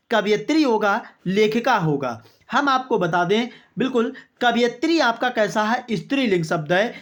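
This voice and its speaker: Chatty exam-prep teacher quizzing viewers. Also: mid-range voice. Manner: chatty, calls viewers brother and friends; fills with "okay, exactly" between answers. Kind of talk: quiz-style coaching lesson.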